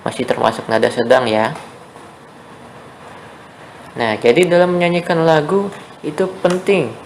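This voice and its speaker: Seorang pria mengajar musik secara daring kepada anak sekolah, suaranya agak tinggi dan kasar berderak di ujung kalimat. Ia bicara sabar, mengulang-ulang, dan ada desis samar di belakang. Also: male voice, fairly high pitch, measured pace, gravelly, a little hiss or hum, poor audio. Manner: patient, repeats key points, checks in with "ya" and "oke". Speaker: teacher. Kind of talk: online music lesson for schoolchildren.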